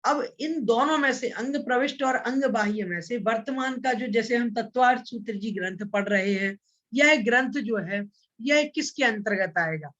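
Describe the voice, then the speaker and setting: A man teaching an online scripture class, patiently explaining and repeating points, and chanting Sanskrit verses slowly. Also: very high-pitched, pushed and bright, highs cut off. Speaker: religious studies teacher.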